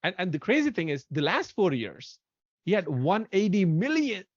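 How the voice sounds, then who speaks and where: A man in his thirties hosts a casual conversation, voice a touch high and bursting with excitement. The audio is dull and lo-fi, with a dry, close sound and no room echo. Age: 30s. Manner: excitable, animated, talks in quick bursts. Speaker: podcast host. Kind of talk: casual chat on a video call.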